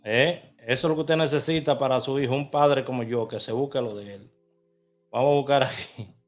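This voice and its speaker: A man's voice: medium pitch, normal speed, soft background music. A man in a casual vlog, chatting to viewers as he walks through placing lottery bets on his phone, from inside a car. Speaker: vlogger. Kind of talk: casual screen walkthrough.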